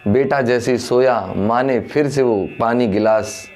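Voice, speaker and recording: A man tells a moral story as a Buddhist sermon, his voice at an ordinary middle pitch. He calls the listeners brothers in the dhamma and rises in pitch when he acts out the lines of the people in the tale. Soft instrumental music plays faintly behind him. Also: measured pace. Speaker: Buddhist preacher.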